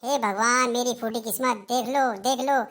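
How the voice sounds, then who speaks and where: A woman's voice: fairly high pitch, steady tone, normal speed, a bit bright. Woman voicing a melodramatic nagging mother-in-law. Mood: wailing. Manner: taunting, melodramatic wailing. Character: nagging older mother-in-law, dramatic and complaining. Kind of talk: Hindi cartoon dialogue.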